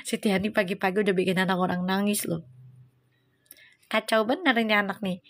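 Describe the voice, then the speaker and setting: A woman's voice: mid-range voice, lively intonation, moderate pace, fairly bright tone. A woman tarot reader, hosting a live stream in a casual, chatty way, teasing viewers and greeting them by name.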